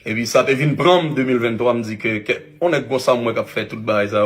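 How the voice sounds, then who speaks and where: A man with a Haitian accent, an influencer giving a halting public video apology with many restarts. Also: medium pitch, fairly bright tone.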